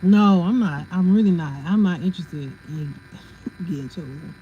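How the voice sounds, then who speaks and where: A woman's voice: lowish voice, normal speed, phone-quality sound, slight background noise. A woman hosting a casual livestream, chatting and laughing as she answers viewers' comments. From family from South Carolina. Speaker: livestream host.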